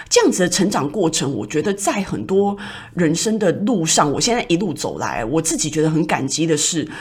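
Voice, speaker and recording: Low husky Taiwanese Mandarin woman. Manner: reflective, rambling with many fillers. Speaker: podcast host. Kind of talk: casual personal storytelling.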